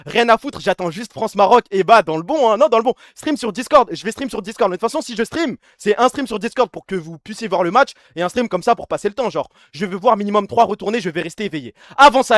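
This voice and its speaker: A young man chatting on a live stream, fast and slangy with crude jokes and frequent laughs. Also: high-pitched, no room sound, studio quality. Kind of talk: casual live-stream chat.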